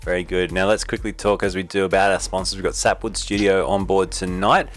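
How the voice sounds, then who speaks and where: Low-voiced Australian race host. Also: male voice, little pitch movement, fairly quick, faint music behind. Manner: easygoing, reads sponsor plugs. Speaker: sim racing broadcast host. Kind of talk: casual post-race wrap-up.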